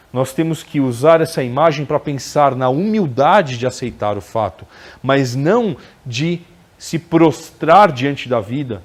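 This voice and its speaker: Guy giving a spiritual talk at a spiritist center, chatty, keeps tossing in tag questions, mid-pitched voice. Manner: conversational, frequent tag questions, acts out quoted dialogue. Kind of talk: spiritual lecture. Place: spiritist center lecture hall.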